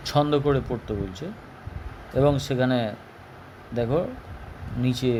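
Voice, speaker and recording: Slow, deliberate Bengali-accented teacher. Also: male voice, medium pitch, a little mellow, a little hiss or hum, rough recording. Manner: slow, deliberate, spells out words and syllables. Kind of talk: English lesson explained in Bengali.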